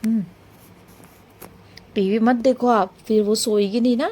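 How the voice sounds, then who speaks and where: A woman films a relaxed vlog in her apartment-building home, first coaxing her small child with questions and then speaking to viewers. Her voice is a little high and warm, with fairly even intonation and an unhurried pace.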